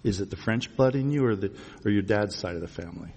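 Fast and breathy, this lowish, darkish male voice belongs to a pastor preaching to a congregation in a large church room. He keeps the sermon conversational, teasing listeners with questions and repeating phrases back, and the hall sounds reverberant.

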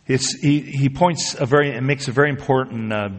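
A man's voice: mid-range voice, fairly even intonation, moderate pace, in a large hall. A man preaching a sermon, talking conversationally and rising to emphatic peaks. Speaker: pastor.

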